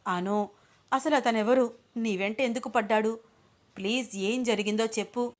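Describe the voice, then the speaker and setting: A woman's voice: a little high, fairly even intonation, normal speed, close to an everyday voice. A woman voicing an anxious young man in a storybook reading, asking urgent, pleading questions. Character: anxious young man searching for his beloved. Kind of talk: storybook character voice.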